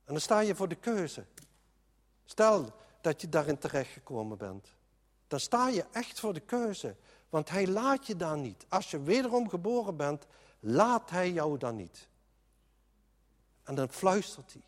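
A man's voice: on the high side, very animated, a little slow, big-room sound. A man preaching a sermon in an earnest, emphatic way, often restarting his sentences.

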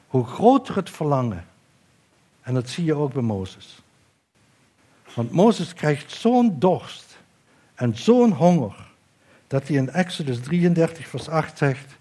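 A man preaching a sermon, reading scripture aloud and slowing down to lift his voice for emphasis. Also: fairly high pitch, mellow. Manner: earnest, slows and lifts his voice for emphasis.

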